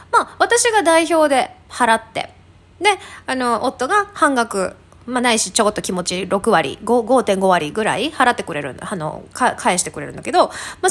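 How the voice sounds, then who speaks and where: A woman in her thirties chats casually as a show host, her voice high and bouncing all over the place. She tells her story with lots of fillers and breaks into laughter often. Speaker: podcast host. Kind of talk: casual chat.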